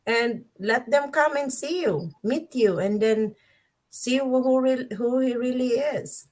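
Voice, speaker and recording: A woman hosts a casual livestream, speaking candidly with frequent laughter and scoffing. Her voice sits a little high. She talks at an unhurried, slow pace. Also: a little mellow. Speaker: host.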